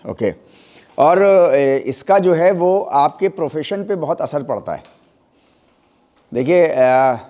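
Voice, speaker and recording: Male lecturer, middle-aged, slow and a bit high-voiced, drills pronunciation. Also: a little mellow. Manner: mixes Hindi and English, spells terms letter by letter; stresses pronunciation, asks checking questions. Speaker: anatomy teacher. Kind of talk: classroom lecture.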